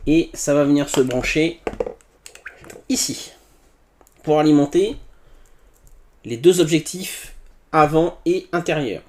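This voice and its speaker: A man's voice: fairly high pitch, slow pace, long pauses, a little mellow. A man casually talking through an unboxing, thinking aloud with fillers and playful sound words. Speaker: tech reviewer.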